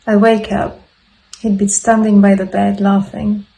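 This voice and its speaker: An actress playing a grieving mother who makes a halting confession in a dramatic monologue. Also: medium pitch, flat delivery, creaky, mellow, rough recording. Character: grieving mother haunted by her lost child. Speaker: actor in a showreel scene.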